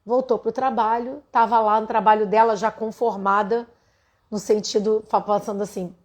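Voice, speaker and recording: A woman's voice: mid-range voice, little pitch movement, moderate pace. A woman with a Brazilian Portuguese accent, a spiritual teacher telling a story earnestly and speaking straight to her listeners. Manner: earnest, addresses listeners directly. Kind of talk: storytelling to an audience.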